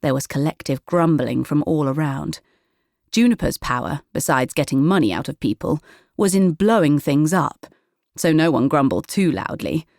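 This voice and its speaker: A woman with a low, darkish voice reads scripted storybook prose for a children's audiobook. Her delivery is animated at a moderate pace, and the recording is dry with no room sound or echo.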